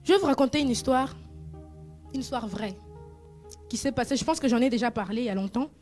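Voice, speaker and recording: Animated preachy woman storyteller. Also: fairly high pitch, brisk, soft background music. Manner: animated, preachy rhetorical questions. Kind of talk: moralizing storytelling.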